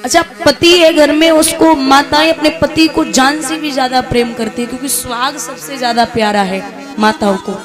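A woman's voice: high voice, fairly even intonation, normal speed. A woman religious storyteller giving an emotional, preaching devotional sermon with music playing behind.

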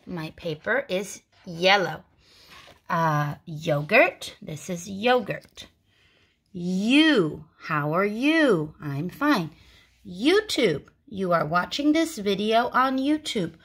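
Woman teacher doing a kids phonics lesson, really slow and clear, singsongy hellos. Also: medium pitch. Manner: slow, clearly enunciated, sing-song greetings.

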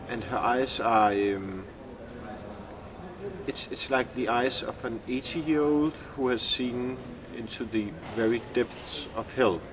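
A man in his thirties with a Danish accent gives reflective interview answers, halting as he searches for words. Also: medium pitch. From Denmark. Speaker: filmmaker being interviewed. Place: outdoor courtyard among glass buildings. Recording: distant mic outdoors, urban bustle behind.

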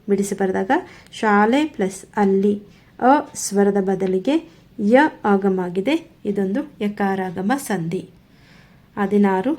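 A woman's voice: medium pitch, warm tone. A woman teaching a grammar lesson, going through examples one by one in a methodical, repetitive way. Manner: slow, methodical, repetitive explaining.

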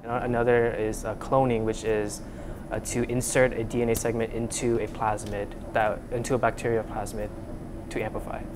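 A young man from Vietnam, fairly low-voiced and flat in delivery, explains his undergraduate lab research at a normal pace in a casual interview. Recorded on a lapel mic inside a noisy university lab, he hesitates often with fillers and restarts.

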